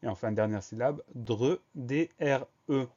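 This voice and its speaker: A French teacher leads a dictation lesson, spelling words out letter by letter at a patient, methodical, unhurried pace. His middle-pitched voice has a dark tone, and the recording sounds a bit dull and lo-fi.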